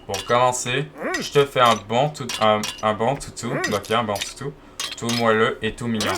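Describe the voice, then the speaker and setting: A man reading aloud the lines of an eccentric male automaton inventor from a video game, in a slightly deeper, gruff voice, slow and emphatic. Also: noisy background, natural voice. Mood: cheerful. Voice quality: deep, gruff put-on voice.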